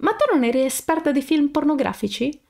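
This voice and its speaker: Woman voicing a defensive young man, indignant, flustered, fairly high voice, storybook reading. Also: big pitch swings, brisk, gravelly, darkish tone, heavily acted.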